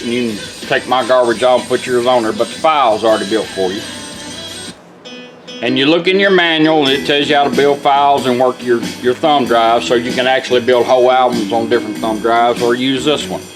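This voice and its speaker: A radio restorer gives a casual, hands-on product demonstration, speaking briskly in a medium-pitched voice with a folksy, plain-spoken, instructional style. The recording is rough, with music from a radio playing behind him.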